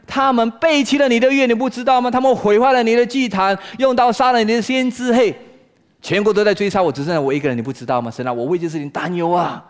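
A preacher putting on a zealous old prophet, lonely and aggrieved, pleading to heaven in a raised, drawn-out voice, a little higher than an average man. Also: natural voice.

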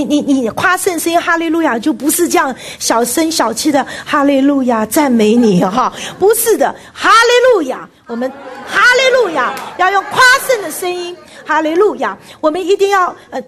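A woman, a pastor's wife, preaching a sermon in an animated way, with many fillers and sudden loud exclamations. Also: high-pitched, breathy edge.

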